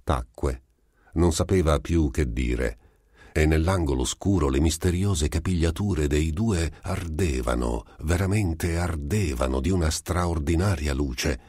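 A man narrating a literary story for an audiobook in a measured storytelling way. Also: a bass voice, darkish tone, breathy edge, no room sound, studio quality.

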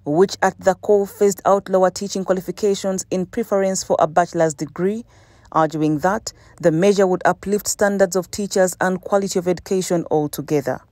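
A woman with a Ugandan accent reading a scripted news report in a measured, formal way. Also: fairly low pitch, steady tone, darkish tone, no echo. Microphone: studio voice-over.

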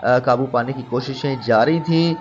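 A man reads breaking news as a voice-over, from Pakistan, formal in wording but pausing and restarting often. The recording is a little dull and lo-fi, with a faint hiss underneath. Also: mid-range voice. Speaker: news vlogger reporting.

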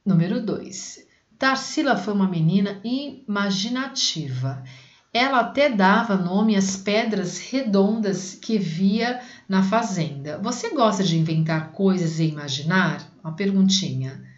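A woman teaching a reading lesson to young children, patient, repeating words slowly and breaking them into syllables. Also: mid-range voice, animated. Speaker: primary school teacher. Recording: echoey room, dull lo-fi sound.

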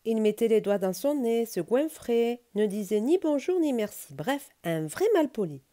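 A woman reading a children's bedtime story aloud in a playful, dramatic way. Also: fairly high pitch. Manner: animated, playful, dramatic pauses.

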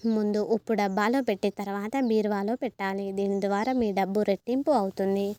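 A woman hosting her channel, giving a steady, instructive spoken list of household dos and don'ts. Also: mid-range voice, a little fast. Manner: steady, instructive, lists rules one after another. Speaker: channel host.

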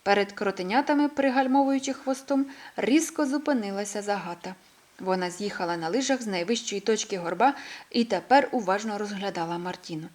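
A woman reading a children's story aloud in a gentle, expressive way. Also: medium pitch, a little fast.

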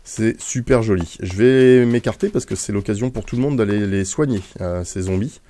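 A man's voice: on the low side, brisk, warm tone. A man casually commenting on his gameplay, chatting to his in-game mount with many hesitations. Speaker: Let's Play gamer.

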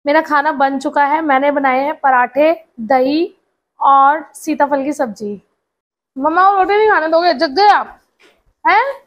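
A high-voiced mother chatting to her viewers while she tends her baby. Her delivery is casual and conversational, like a daily vlog. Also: measured pace, highs cut off. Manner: chatty, addresses viewers as guys. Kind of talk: casual family vlog narration.

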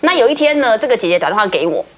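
Fast-talking animated woman telling a story. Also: a little high, a crowd in the background. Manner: lively, acts out others' lines, laughs often. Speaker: guest on a talk show.

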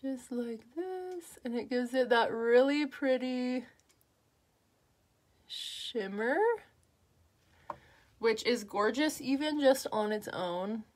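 A woman's voice: on the high side, slow, long pauses. A woman talking through a makeup tutorial in a chatty, upbeat way, with lots of fillers as she works. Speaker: makeup artist.

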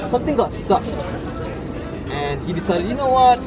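Recorded by a camera a few steps off, with poor audio and a noisy crowd around him, a young Malaysian man in his twenties guides a tour group. His high voice swings widely in pitch at a normal speed as he jokes around and addresses the group as "family" in an outdoor cultural park lined with food trucks.

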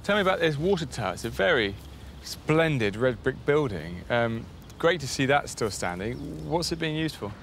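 A man's voice: medium pitch, sing-song, moderate pace, a bit bright, slight background noise. A man in his thirties presenting a TV show, asking eager questions and summing up with enthusiasm. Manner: inquisitive, enthusiastic. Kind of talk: presenting and interviewing. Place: building site and show flat.

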